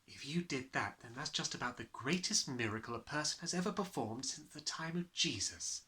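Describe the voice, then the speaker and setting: A man performs the voice of a gentle woman schoolteacher from a children's storybook, speaking softly, patiently and a little puzzled. His delivery is animated and soothing, at a moderate pace with a very mobile pitch, conveying a careful, indulgent, patient mood.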